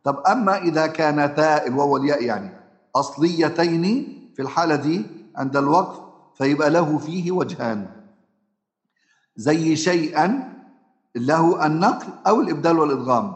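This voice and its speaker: A man's voice: a little high, a little fast, reverberant. A man with an Egyptian Arabic accent teaching recitation rules in a conversational way, often asking his listeners questions and drawing out fillers.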